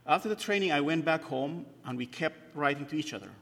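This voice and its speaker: A middle-aged man from Kurdistan in northern Iraq gives a hesitant personal testimony at church, full of fillers and restarts. His voice is a little high and a bit bright, with lively intonation and a brisk pace. Long hall reverb hangs on the recording.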